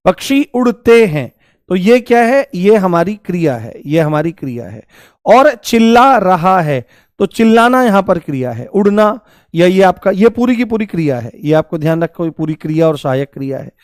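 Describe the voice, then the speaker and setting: Male teacher, fairly high voice, dry close sound, repeats examples and quizzes students. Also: big pitch swings, normal speed, no room sound. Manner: repeats examples, coaxing students with rhetorical questions. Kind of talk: online grammar lesson.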